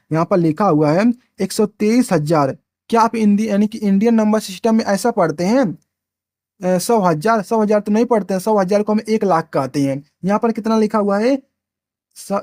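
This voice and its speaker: A man talks through a maths lesson in a high voice. He poses questions and answers them himself, repeating each step and dropping lower on single numbers. The sound is dry and close. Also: a little mellow, no echo. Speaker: maths teacher. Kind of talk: explaining at a board, step by step.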